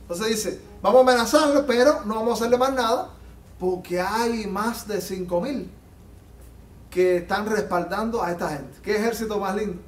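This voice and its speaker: A man preaching a sermon as pastor, fervent and emphatic, swinging between loud peaks and quiet low passages, recorded in a church. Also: normal speed, recorded from a distance. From Latin America. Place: church sanctuary. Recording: echoey church hall, off-mic.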